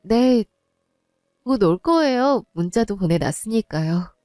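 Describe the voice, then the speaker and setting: A woman's voice: medium pitch, expressive, slow, dark tone, dry recording, clean studio sound. A woman voicing a distraught young wife and daughter who pleads and cries out in a one-voice audio drama. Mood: strained. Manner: pleading, rising to anguished cries.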